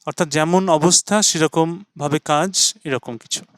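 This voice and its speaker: A man teaching English pronunciation, mixing explanation with English words, spelling words letter by letter and repeating them slowly. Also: fairly high pitch, dry recording, studio quality. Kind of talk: slow spoken lesson.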